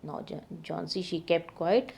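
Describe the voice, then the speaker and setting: A woman's voice: fairly low pitch, unhurried, vocal fry, a little mellow. A woman teacher reading a story aloud and then retelling each passage in simpler words, with frequent fillers.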